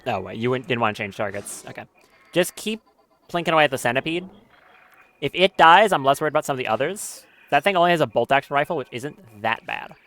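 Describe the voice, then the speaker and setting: A man's voice: medium pitch, lively intonation, fast, fairly bright tone. A man giving casual live commentary on his gameplay stream, swearing often and talking nervously as he goes.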